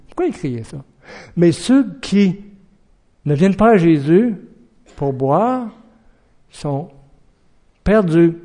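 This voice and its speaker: A man preaching a sermon in an earnest way, asking rhetorical questions and acting out shouted warnings. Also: on the high side.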